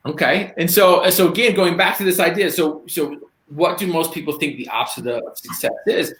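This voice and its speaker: Animated man in an echoey room. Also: fairly high pitch. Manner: animated storyteller, acts out dialogue in quick voices. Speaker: guest speaker. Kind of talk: motivational talk on a live stream.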